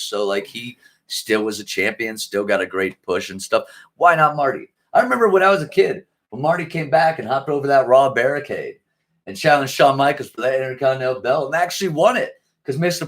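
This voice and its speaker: A man co-hosting a casual wrestling talk show, giving strong opinions, giggling, and dropping his voice low when he muses. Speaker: podcast co-host.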